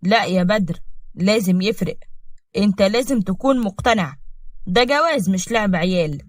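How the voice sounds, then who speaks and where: A woman's voice: medium pitch, moderate pace, no echo, clean studio sound, close to an everyday voice. A woman voicing a firm, caring father who counsels his son, in Egyptian Arabic. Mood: fatherly. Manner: fatherly, persuasive.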